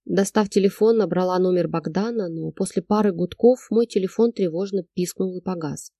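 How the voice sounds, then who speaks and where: A woman reading a novel aloud as first-person narrator, in a measured, emotional storytelling manner. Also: lowish voice, dark tone, slightly rough, dry recording, clean studio sound. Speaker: audiobook narrator.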